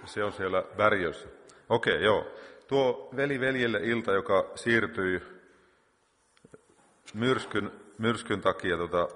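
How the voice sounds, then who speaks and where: A man's voice: sits low, fairly bright tone. A man leading a church meeting, praying aloud spontaneously and repeating "Lord" between phrases, then giving the week's announcements. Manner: prayer punctuated by constant repeated "Lord". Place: church hall. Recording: long reverb of a church hall.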